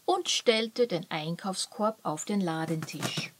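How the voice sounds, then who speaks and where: Slow storybook narrator, woman. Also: lowish voice, slight background noise. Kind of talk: children's audiobook reading.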